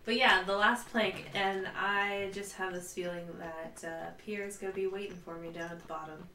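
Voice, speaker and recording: Bright-voiced woman chatting through gameplay. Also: mid-range voice, steady tone, reverberant, recorded from a distance, slight background noise. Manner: chatty, quick asides and laughs. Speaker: let's play player. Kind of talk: casual gameplay commentary. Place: home room with a cat.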